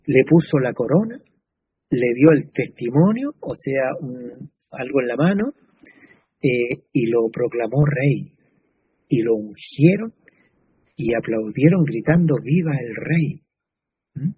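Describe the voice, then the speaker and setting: A man's voice: medium pitch, expressive, slow, dark tone, husky, rough recording. A man with a Chilean Spanish accent preaching a sermon in a conversational way, with fillers and tag questions.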